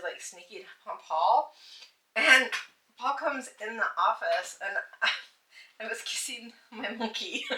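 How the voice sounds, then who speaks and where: Animated woman in an echoey room. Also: fairly high pitch. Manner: animated, playful, acts out voices in quotes. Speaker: co-host of a crafting chat stream. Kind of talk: casual chat. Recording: echoey room, distant mic.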